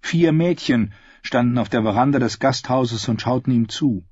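A man narrating an audiobook in an expressive, measured way. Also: medium pitch, husky, no room sound, highs cut off.

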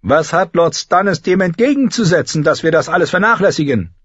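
A scheming knight who talks himself into excitement, his voice pitched well up and insistent, as a man plays him. The tone is husky, and the pitch jumps around a lot. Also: brisk, no room sound, muffled recording. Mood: eager, pushy. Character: eager male knight, scheming and pushy.

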